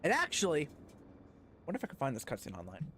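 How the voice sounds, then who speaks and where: A man hosting a gaming channel, recapping his playthrough in a rambling, profane, excitable way with plenty of fillers. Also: fairly high pitch, quick pace, a little hiss or hum. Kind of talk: casual game recap.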